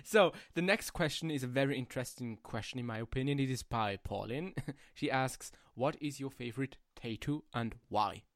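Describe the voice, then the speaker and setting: A man's voice: medium pitch, a bit bright, no echo, clean studio sound. A man co-hosting a podcast, reading out listener questions in casual chat and laughing often. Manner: slow, measured, laughs often.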